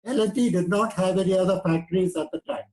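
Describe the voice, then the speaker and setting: Older Indian English speaker, 80s, fairly high voice, steady lecturing delivery. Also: male voice, rough recording. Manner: measured, lecturing. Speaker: guest speaker. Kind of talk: prepared talk.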